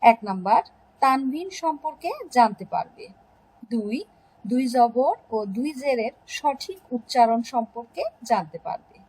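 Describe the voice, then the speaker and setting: A woman from Bangladesh teaching an online religion class to young children, gently and slowly drawing out pronunciation drills. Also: fairly high pitch, expressive, slightly rough, rough recording. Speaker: Islamic studies teacher.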